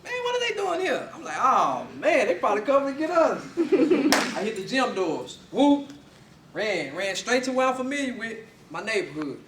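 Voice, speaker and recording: A young man tells a personal story to his class, his voice high and swinging widely in pitch as he laughs through it. He is picked up from a distance in an echoey classroom. A faint hum of the room sits behind him. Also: big pitch swings, moderate pace. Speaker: student speaker. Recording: echoey room, mic from afar.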